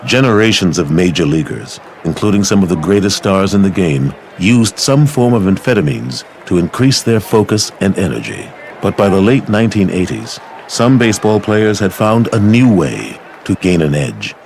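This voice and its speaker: A man reading scripted documentary narration in a measured, serious way. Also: deep voice, big pitch swings, gravelly, slight background noise.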